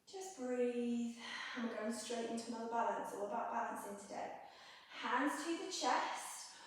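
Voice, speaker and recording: A woman yoga instructor giving gentle, encouraging step-by-step cues, slightly out of breath as she moves along. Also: on the high side, moderate pace. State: slightly out of breath while moving. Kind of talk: guided yoga class cueing. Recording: echoey room, mic set at a distance.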